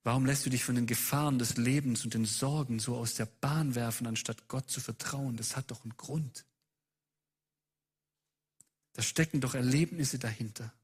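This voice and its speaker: A man's voice: mid-range voice, fairly even intonation, moderate pace, slightly rough. A man preaching a sermon who presses his listeners with a long run of urgent rhetorical questions.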